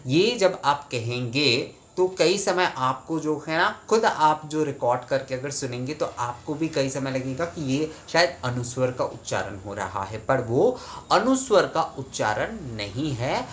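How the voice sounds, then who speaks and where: A man's voice: mid-range voice, unhurried, slight background noise. Man explaining mantra pronunciation. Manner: conversational, repeats phrases, chants Sanskrit lines in a steady rhythm.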